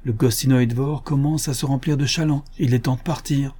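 A man's voice: mid-range voice, fairly even intonation, fairly quick, dark tone, slightly rough, lightly acted. A man voicing a grave, cold young merchant in an audiobook, speaking severely.

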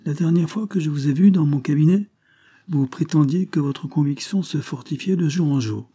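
A man's voice: a little high, normal speed, dark tone, breathy edge, voice pushed up. A man voicing a formal, skeptical male examining magistrate who questions a detective. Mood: probing.

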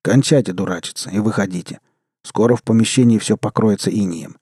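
A man's voice: lowish voice, fairly quick, mellow, slightly rough, dry recording, clean studio sound. A man voicing a level-headed, practical man in an audiobook, speaking matter-of-factly.

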